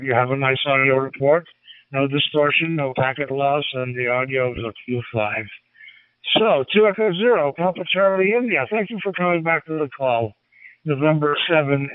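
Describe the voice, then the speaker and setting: An American man acts as an amateur radio operator on a ham radio contact, making unhurried procedural calls and spelling things in the phonetic alphabet. His voice is medium-pitched, and the dry recording has a narrow, distant, phone-like walkie-talkie sound.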